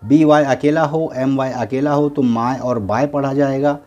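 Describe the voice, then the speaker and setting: A man's voice: mid-range voice, fairly even intonation, normal speed, darkish tone, lo-fi sound. Patient man teaching spelling step by step. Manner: patient, spells words out letter by letter; repeats each word twice. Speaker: English teacher. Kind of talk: spoken lesson for beginners.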